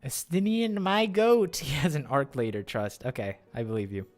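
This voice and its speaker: A man's voice: mid-range voice, moderate pace. A man doing casual live reaction commentary on a game, rambling and joking with rhetorical questions. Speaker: game streamer. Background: game music.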